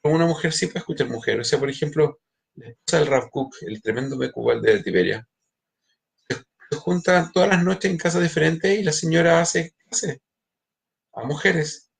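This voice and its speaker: A man's voice: on the high side, normal speed, gravelly. A middle-aged man, a rabbi giving a spiritual lecture, who often restarts and repeats words as he speaks straight to his listeners.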